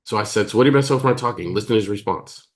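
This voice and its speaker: A man with an American accent, giving a teaching talk as a therapist, emphatic and pausing deliberately, acting out quoted dialogue. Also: on the low side. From United States. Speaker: psychotherapist and trainer.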